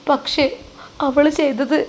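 A woman voicing a heartbroken young male religious teacher who speaks softly in a subdued, sorrowful way. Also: high voice, steady tone, slow pace, a little hiss or hum, pitched above the performer's own voice.

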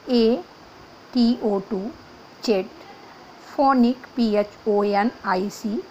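Slow-dictating woman teacher, dull recording. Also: on the high side, darkish tone. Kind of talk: online class lesson for young children. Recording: slightly dull, faint background hiss.

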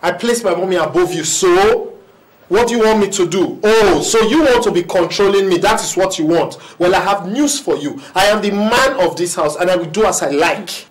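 A man's voice: high-pitched, normal speed, natural voice. A man with a Nigerian accent playing a proud, defensive husband devoted to his mother. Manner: blustering, defensive. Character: proud mama's-boy husband, blustering. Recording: echoey room.

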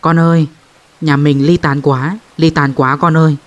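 A man voicing the crying ghost of an old grandfather in a spoken ghost story, lamenting in a drawn-out way. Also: medium pitch, little pitch movement, dull audio, close to an everyday voice. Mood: wailing.

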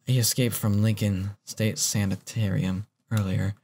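A man reading out a police officer's lines from a horror game, low and subdued. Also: level tone, unhurried, darkish tone. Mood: solemn. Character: grave male police officer.

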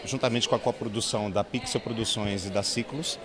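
A man, a film producer, giving steady promotional interview answers outdoors at a premiere. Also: fairly low pitch, a little fast. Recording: crowd noise behind.

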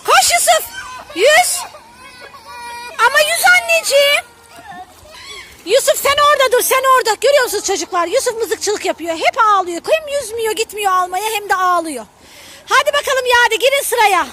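A woman's voice: extremely high pitch, expressive, moderate pace, sharp tone, some chatter behind. A mother calling out to her children by a pool during a game, coaxing and cheering them on. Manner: coaxing, calls out to the kids. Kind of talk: family vlog game narration. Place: outdoors by a pool. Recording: noisy outdoor recording.

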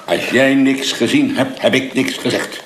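A man's voice: mid-range voice, fairly even intonation, measured pace, reverberant, slight background noise, natural voice. A man playing a grumbling, put-upon sitcom man. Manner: grumbling and indignant. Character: put-upon middle-aged man Simon ten Brugge. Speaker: sitcom character. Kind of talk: sitcom acting.

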